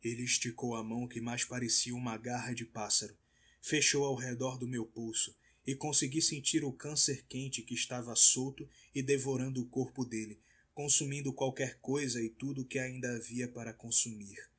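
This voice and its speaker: A man narrating an audiobook in a measured, somber reading. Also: mid-range voice, flat delivery, a bit bright, slightly rough. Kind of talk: scripted narration.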